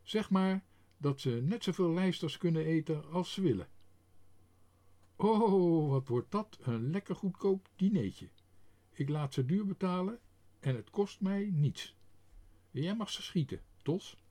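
A man voicing a greedy, hot-tempered middle-aged boss in a storybook reading, loud and blustering, pitched above his own voice. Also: animated, moderate pace.

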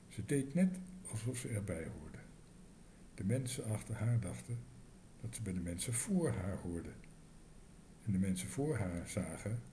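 A man reading a children's story aloud in a lively, expressive way. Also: lowish voice, a little hiss or hum.

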